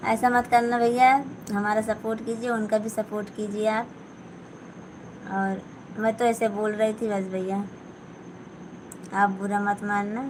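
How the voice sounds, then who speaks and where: Slow-talking woman chatting on a live stream. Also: mid-range voice, flat delivery, background noise. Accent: Awadhi-flavoured Hindi. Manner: reads out viewer comments and answers them chattily. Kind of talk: casual live-stream chat with viewers. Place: at home, sitting and sewing.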